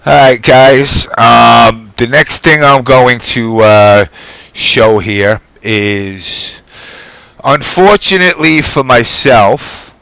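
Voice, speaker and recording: Clear-voiced man hosting casually. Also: mid-range voice, extremely slow, a bit bright, no room sound. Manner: informal, rambling. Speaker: show host. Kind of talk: casual live online talk show.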